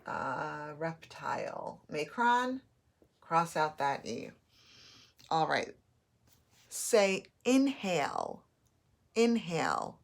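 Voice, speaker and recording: A woman's voice: sits low, huge pitch swings, drawn-out words, creaky, pauses often. A woman teaching a phonics and spelling lesson, patiently sounding out letters and words.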